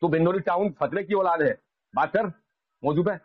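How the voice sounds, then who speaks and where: A man's voice: high voice, normal speed, husky. A man in a heated religious debate, aggressively repeating his demands and hurling insults. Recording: dull lo-fi audio with crowd noise.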